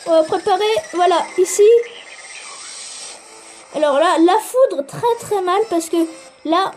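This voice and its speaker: A woman giving excitable live gameplay commentary, swearing and urging the game on while talking straight to her viewers. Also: extremely high pitch. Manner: addresses viewers directly. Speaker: gaming video creator.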